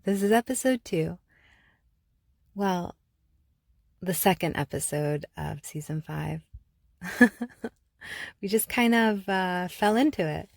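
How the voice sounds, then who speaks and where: A woman from Algeria hosting her own podcast, speaking thoughtfully with many pauses and restarts as she reflects. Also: on the low side, animated, vocal fry, no echo, studio quality. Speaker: podcast host. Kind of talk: reflective solo podcast talk.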